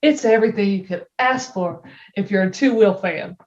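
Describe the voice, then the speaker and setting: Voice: medium pitch, normal speed. A podcast co-host chatting casually and laughing often. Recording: dull lo-fi sound.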